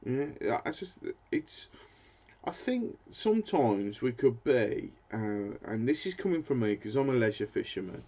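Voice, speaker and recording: A man's voice: medium pitch, very animated, unhurried, dark tone. A British man hosting a fishing channel, chatting casually in a live stream and rambling as he hunts for words. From Britain. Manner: rambling, hesitant, searches for words. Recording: dull lo-fi sound.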